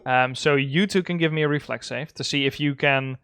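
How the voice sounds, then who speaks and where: A man's voice: mid-range voice, a little fast, smooth, no echo. A man running a tabletop game as game master, narrating loosely with fillers and frequent laughs. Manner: relaxed, laughing often, filler-heavy narration.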